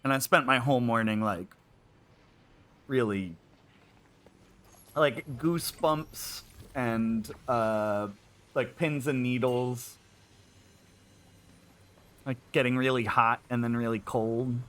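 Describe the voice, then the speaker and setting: A man's voice: medium pitch, slow pace, pauses often, a bit bright. A man streaming live, chatting casually while feeling sick, rambling with lots of filler words. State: unwell and queasy.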